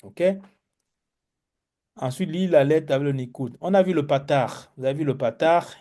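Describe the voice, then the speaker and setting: Male pastor, mellow warm tone, higher-pitched voice, lively teaching, stammers on words. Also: moderate pace. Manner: animated teacher, acts out examples, stammers on words. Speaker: pastor teaching Biblical Hebrew. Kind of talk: classroom lesson.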